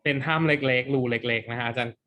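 Male teacher, mid-pitched, playful, runs a lively quiz-style class. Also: fast, dull audio. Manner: playful, quizzing students for answers. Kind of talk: exam-prep classroom lesson.

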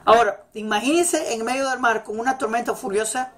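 With faint celebration music behind her, a female religious teacher delivers an emphatic motivational talk and keeps repeating her main phrases. She speaks a little fast in a slightly high voice.

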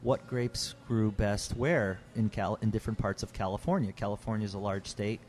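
A man's voice: lowish voice, steady tone, normal speed, darkish tone, slight background noise. A middle-aged man, a winemaker explaining his trade in an earnest, casual way with frequent restarts. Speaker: Texas winemaker guest. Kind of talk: casual interview talk.

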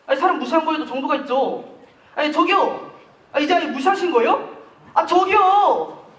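Teen boy acting as a touchy, talkative schoolboy, very high voice, lively pitch, echoey hall, far from the mic. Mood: irritated. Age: teens. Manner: talkative, quick to take offence, grumbling. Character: chatty, hot-tempered teenage schoolboy. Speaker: student actor in a school play. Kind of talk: amateur stage acting. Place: school stage.

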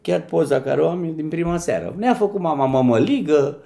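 A middle-aged man from Romania tells stories in a relaxed chat. His voice has a gravelly edge, and his pitch rises and falls a lot. He acts out the people he quotes as he goes. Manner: animated, acts out quoted voices and switches languages. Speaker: guest telling stories. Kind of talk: casual storytelling chat.

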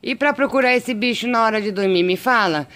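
A woman with a Brazilian Portuguese accent, chatting casually to her viewers while filming her cats at home, slipping into doting baby talk and excited squeals. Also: on the high side, a little fast, background noise. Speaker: pet vlogger. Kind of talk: casual chat filming pets. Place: home garden and garage.

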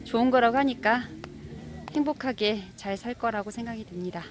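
Speaking a little fast in a fairly high voice, she gives casual, chatty commentary on a wedding held outdoors in Kenya and laughs frequently. The background is noisy, and music plays behind her.

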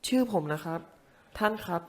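A woman's voice: normal speed, darkish tone. A woman playing out an emergency caller's part, giving short, polite scripted answers.

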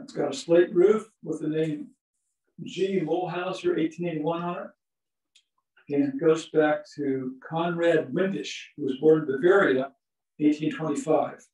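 An older man tells stories in a chatty museum lecture, his voice a little high but dark in tone, with an occasional chuckle. The setting is a small indoor museum meeting room. Recorded from a distance by a camera with no visible mic, the sound is echoey.

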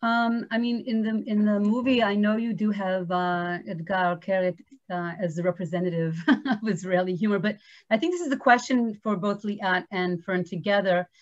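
A woman's voice: medium pitch, fairly even intonation, moderate pace. A woman moderator with a slight lisp reads audience questions aloud during a virtual lecture. Her sound comes through a video call that is a little dull and lo-fi. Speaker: museum staff moderator.

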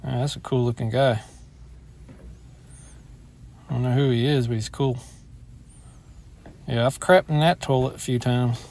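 A man's voice: mid-range voice, fairly even intonation, unhurried, creaky, pauses often, darkish tone, a little hiss or hum. A middle-aged man walking through an indoor shopping mall with a handheld phone, complaining bluntly as he films. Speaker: vlogger. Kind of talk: walking mall tour vlog.

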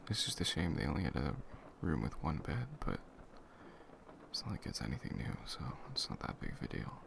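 A man playing a deep, gravelly laid-back boyfriend. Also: fairly quick, heavily acted. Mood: casual, relaxed. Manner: relaxed, conversational, casual murmuring. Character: laid-back, caring young man, the listener's best friend. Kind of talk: casual intimate boyfriend role-play, ASMR. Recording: clear background noise, ambient sound.

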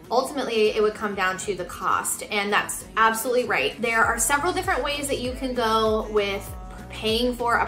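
Female home vlogger, 30s, conversational explainer with a bright tone, roomy indoor sound and light music underneath. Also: medium pitch. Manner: chatty, explanatory. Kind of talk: casual explanatory vlog to camera. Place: living room indoors. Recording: roomy living-room echo, music underneath.

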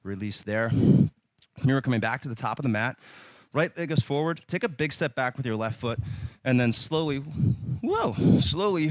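A man leading a yoga workout, giving calm, encouraging cues with light humor and sometimes slightly out of breath. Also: mid-range voice, dry recording. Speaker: yoga instructor. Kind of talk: guided yoga class instruction.

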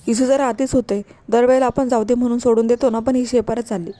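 An angry, stressed young husband snaps out short, reproachful questions, read by a woman in her own voice. The voice is fairly high and soft in tone. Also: steady tone, quick pace, no room sound, natural voice.

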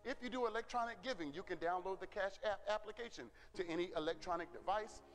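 A man's voice: high-pitched, lively intonation, quick pace, a bit bright, long reverb tail. A middle-aged man, a pastor, giving church announcements in an earnest way, often repeating words and asking "Amen?".

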